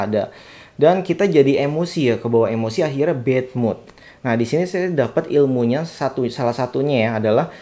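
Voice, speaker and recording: Young man, casual vlog storytelling, reflective, mid-range pitch, talks to viewers. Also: darkish tone. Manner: chatty, reflective, addresses viewers as "sob". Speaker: satellite dish installer and channel host.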